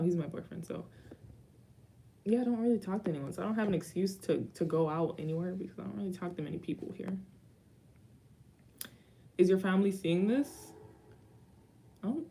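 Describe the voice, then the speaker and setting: With a mellow, medium-pitched voice, a woman in her twenties who first spoke Haitian Creole chats casually on her YouTube vlog. She responds to viewer questions in a meandering way, slipping in dry remarks.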